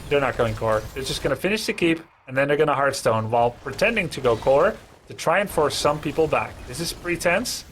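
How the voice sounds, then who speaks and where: High-pitched man, dramatic esports caster. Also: expressive, brisk, few pauses, fairly bright tone, slight background noise. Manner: dramatic, playful, repeats phrases for effect. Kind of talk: play-by-play esports commentary.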